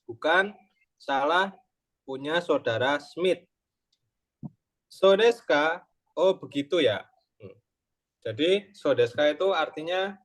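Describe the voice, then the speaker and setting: A young man tutoring an online class, explaining grammar patiently step by step and checking in with short tag questions. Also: on the high side. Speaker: Japanese tutor. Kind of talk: online Japanese lesson explained in Indonesian.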